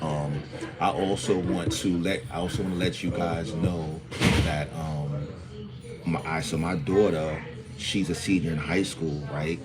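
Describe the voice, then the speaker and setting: A man in his forties from New hosting a livestream, talking loosely and greeting viewers by name. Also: rumbling low. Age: 40s. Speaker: livestream host. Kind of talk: casual livestream talk.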